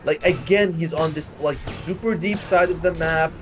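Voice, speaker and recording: A man's voice: on the high side, moderate pace. Laid-back guy breaking down an esports game, lots of like and dude, music behind. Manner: casual, rambling, filler-heavy with "like" and "dude". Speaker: esports commentator. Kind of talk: live game analysis commentary.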